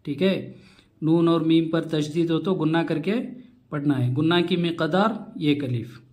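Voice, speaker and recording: A man teaching a Quran recitation lesson, spelling out syllables slowly and patiently repeating each rule, with nasal humming on doubled letters. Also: on the high side, steady tone, darkish tone. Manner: patient, repeats rules step by step.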